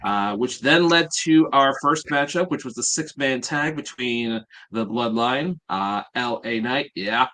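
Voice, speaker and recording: A man's voice: medium pitch, measured pace, hardly any pauses, pushed and bright. A man hosting a podcast, recapping events in a rambling, casual way full of "uh"s. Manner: rambling, filler-heavy, many "uh"s. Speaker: podcast host.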